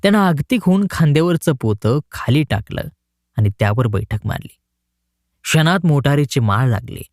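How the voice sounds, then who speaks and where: A man narrating a short story in an expressive storytelling manner. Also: fairly high pitch, normal speed, dry recording, clean studio sound.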